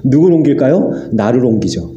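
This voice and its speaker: A man's voice: mid-range voice, lively intonation, brisk, dark tone, lo-fi sound. A man preaching an earnest sermon as pastor, acting out prayers and God's replies. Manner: earnest, acts out dialogue with God. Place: church sanctuary. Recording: echoey church hall.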